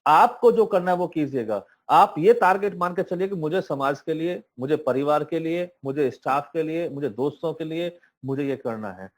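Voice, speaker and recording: A man speaking on an online meeting call, pitching a business plan in a motivational tone with many hesitant fillers. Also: moderate pace, few pauses. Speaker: presenter of crypto network plan. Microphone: online call audio.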